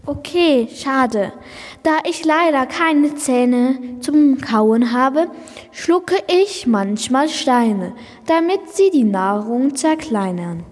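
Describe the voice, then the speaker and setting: A woman's voice: high-pitched, lively intonation, slow, a little mellow, long reverb tail. A young speaker voicing a friendly female Brachiosaurus who patiently explains facts in a children's podcast play. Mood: friendly explaining. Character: friendly female Brachiosaurus, calm plant-eater.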